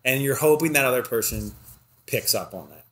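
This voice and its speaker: A man's voice: mid-range voice, a little fast, fairly bright tone. Stuffy-nosed man with a Philadelphia accent. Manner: chatty, explains with examples and restarts. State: stuffy nose. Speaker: guest, restaurant food and beverage director. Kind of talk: casual podcast conversation.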